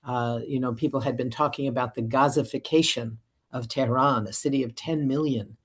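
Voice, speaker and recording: A woman's voice: a bass voice, fairly even intonation, a little fast, husky. A woman political analyst giving long, fluent answers in a radio interview, with occasional fillers.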